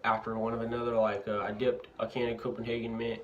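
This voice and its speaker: Talking quickly and in a monotone, a young adult Louisiana man reviews a product in a bathroom at a house with dip in his lip. His voice is medium-pitched, and the recording is dull-sounding, noisy, amateur and marked by clicks.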